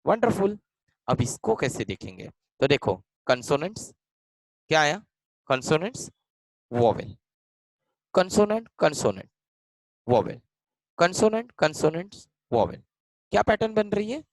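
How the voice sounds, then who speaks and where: A man's voice: fairly high pitch, sing-song, measured pace, long pauses, no room sound, rough recording. A man teaching a grammar lesson for exams, who repeats his points, asks and answers his own questions, and mixes English phrases into his explanations. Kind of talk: exam-focused grammar lesson.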